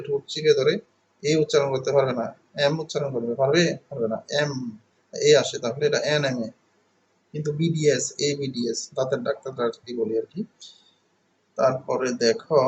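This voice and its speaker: A man's voice: medium pitch, slight background noise. A man teaching an exam-prep grammar lesson, explaining step by step and asking his students rhetorical questions. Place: online video. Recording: slightly dull lo-fi recording.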